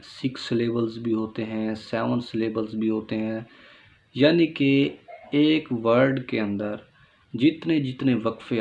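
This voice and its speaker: Slow, gravelly man teaching English. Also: mid-range voice, muffled recording. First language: Urdu. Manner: slow, drawn-out word pronunciation with repeated rhetorical questions. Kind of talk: classroom-style explanation.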